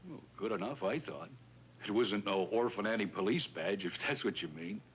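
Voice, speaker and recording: A man with a lowish, natural voice speaks at a moderate pace, playing a wary, folksy shopkeeper who's been swindled in a 1950s police drama. He's hesitant and plain-spoken, earnest and rueful, a robbery victim heard through a noisy old film soundtrack.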